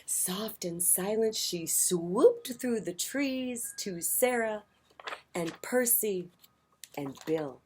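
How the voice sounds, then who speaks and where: Expressive, unhurried woman reading a picture book. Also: mid-range voice, slight background noise. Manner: theatrical, emphatic, with dynamic swells and hushes. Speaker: children's story time host. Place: outdoors on a porch.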